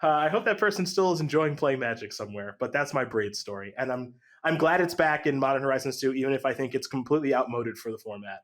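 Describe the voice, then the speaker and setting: A man casually telling a long gaming story on a podcast, lively and acting out the voices of the people in it. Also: medium pitch, quick pace, hardly any pauses. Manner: animated, acts out quotes with voice jumps.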